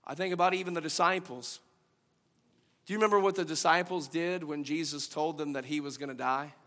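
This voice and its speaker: A man preaching a sermon as a pastor, swinging from loud emphasis to hushed tones. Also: a little high, steady tone, brisk. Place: church sanctuary. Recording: long church hall reverb.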